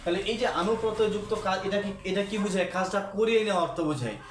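A man's voice: high voice, animated, rapid-fire, a little hiss or hum. A man teaching a grammar lesson to a class, asking questions and repeating the key terms. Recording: echoey room.

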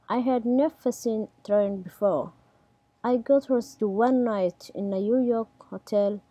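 A young Somali-accented woman reads her personal story in a plain, measured way, her English simple and non-native. Her voice is very dark and mellow, recorded dry and close with no room sound. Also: a little high, no echo. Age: 20s. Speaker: immigrant storyteller. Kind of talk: read personal narration.

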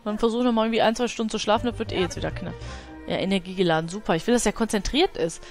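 A woman's voice: mid-range voice, racing, darkish tone, faint music behind. Chatty woman narrating her game. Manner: chatty, talks to her game characters, laughs often. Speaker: let's play gamer. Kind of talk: casual gameplay commentary.

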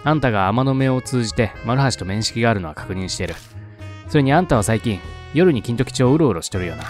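A man's voice: medium pitch, animated, quick pace, faint music behind, close to an everyday voice. A man voicing a nosy young woman detective in an attempted Kansai dialect, blunt and pushy.

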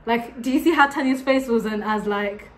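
A woman's voice: fairly high pitch, moderate pace, slight background noise. An eighteen-year-old woman hosting a casual Q&A in a home kitchen, playful and giggly, talking close to the camera. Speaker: vlogger hosting a Q&A. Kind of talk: casual chat.

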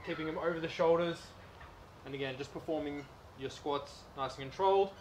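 A man's voice: a little high, a little fast, slight background noise. Man coaching home leg exercises outdoors. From Australia. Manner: relaxed, coaching while doing reps. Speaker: personal trainer. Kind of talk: exercise demonstration.

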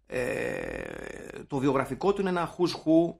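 A young man from Greece co-hosting a podcast, chatting casually with animated, jokey rants and swearing. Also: a little high, vocal fry. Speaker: podcast co-host. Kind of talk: casual chat.

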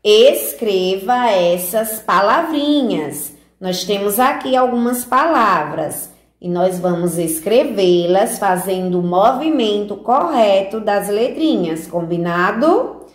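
A woman from Brazil teaches preschoolers to write their letters, talking them through each stroke. Her delivery is very unhurried and sing-song, full of gentle diminutives, with a medium pitch. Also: expressive. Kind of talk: remote handwriting lesson for young children.

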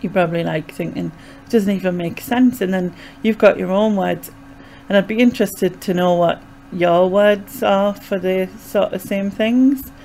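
With a warm, medium-pitched voice at a moderate pace and hardly any pauses, a young woman from North East England vlogs in a Sunderland Mackem accent, casually and hesitantly rambling as she explains things. The low-quality recording from her small bedroom, made close on a pop-filtered desk mic, has a little hiss or hum.

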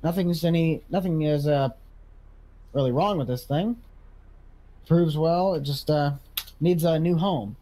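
A man's voice: fairly high pitch, unhurried, pauses often, dark tone, close to an everyday voice, poor audio. A man playing a farm equipment auctioneer in a casual video game role-play, calling for bids and repeating prices. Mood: matter-of-fact pitch.

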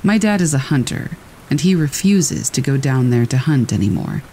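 With the constant sound of rain in the background, a man reads scripted horror stories aloud. His pitch is medium and he speaks at a normal speed, the rain noise steady over his voice.

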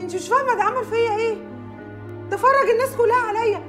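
A jealous, hot-tempered young bride, played by an actress with an Egyptian accent, quarrelling in a very high, quick voice. Film music plays clearly beneath her lines. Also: animated. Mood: upset. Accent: Egyptian Arabic. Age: young adult. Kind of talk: film drama acting. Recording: film soundtrack with music behind.

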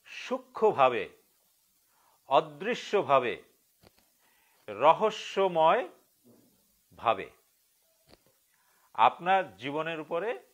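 A man from Bangladesh teaching meditation in a live-streamed spiritual lecture, speaking slowly and deliberately, drawing out key words and putting questions to his listeners. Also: fairly high pitch, big pitch swings, a bit bright, highs cut off.

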